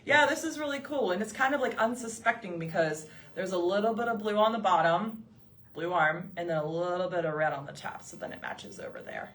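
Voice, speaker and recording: A woman's voice: fairly low pitch, very animated, a little fast, fairly bright tone. Bubbly middle-aged woman hosting live. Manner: bubbly, enthusiastic, talks straight to viewers. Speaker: co-host of a live eyewear show. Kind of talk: live product show chat.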